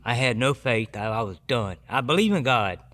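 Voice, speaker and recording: A man giving his personal recovery testimony as a podcast guest, earnest and halting with many restarts. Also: medium pitch, animated, a bit bright.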